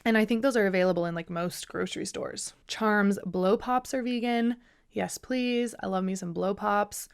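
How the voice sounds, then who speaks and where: A young woman hosts a solo podcast in a chatty, bubbly style packed with asides. Her medium-pitched voice is smooth with vocal fry, and she talks at a normal speed.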